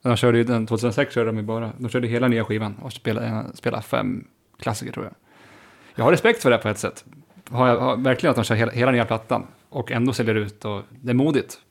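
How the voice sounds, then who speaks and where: A man's voice: medium pitch, steady tone, creaky. A man chatting with a band, asking questions and agreeing readily. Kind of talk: casual chat.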